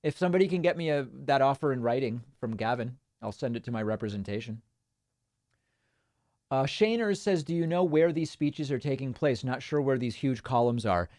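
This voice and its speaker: An Argentine-born man, a native Spanish speaker, runs a live political commentary stream, reading viewer comments aloud and firing back quick replies in a casual, offhand way full of ums and uhs. His voice is an ordinary male middle pitch, expressive and slightly mellow. The recording is dry and close-miked, with no room echo.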